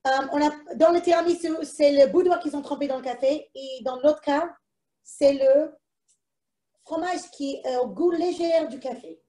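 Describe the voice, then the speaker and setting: A woman's voice: high voice, unhurried, dark tone, roomy sound, recorded from a distance. A woman with a foreign accent in French presents a live cooking demonstration from a kitchen, chatting to herself as she works. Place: kitchen, indoors.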